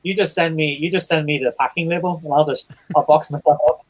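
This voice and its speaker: A man co-hosts a relaxed video-call chat, his voice sitting a little high. He delivers dry, deadpan jokes in an easy, understated way. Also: a little fast, poor audio. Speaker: co-host.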